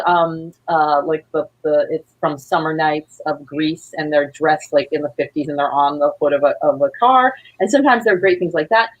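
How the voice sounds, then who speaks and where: In a poor-quality recording, a woman with a low-sitting voice chats casually as a guest. She's a playwright and audio drama creator, and she talks in an informal, gushing, rambling manner.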